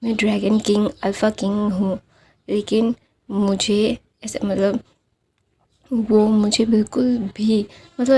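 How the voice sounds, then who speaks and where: A woman's voice: medium pitch, warm tone, slight background noise. A woman voicing a proud male dragon king who scolds in an exasperated, protective way, in a retold story.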